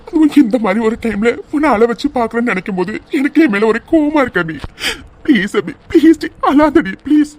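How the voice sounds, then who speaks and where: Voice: medium pitch, close to an everyday voice. A distraught young husband from a cartoon serial, played by a voice actor, begging his wife to trust him. His voice sits in a middling range, wet with tears and full of repeated pleas. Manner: pleading, tearful, repeats himself. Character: young husband, anguished and pleading.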